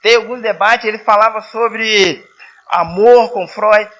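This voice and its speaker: Bright-voiced missionary man preaching. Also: high voice, steady tone, slow. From southern Rio de Janeiro state, Brazil. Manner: conversational, repeats and restarts, asks the congregation "né?". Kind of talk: sermon. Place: church hall.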